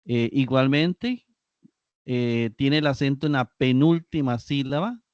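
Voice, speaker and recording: A man teaching a live online grammar lesson in a slow, deliberate way, sounding words out syllable by syllable. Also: mid-range voice, no room sound, muffled recording. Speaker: Greek teacher.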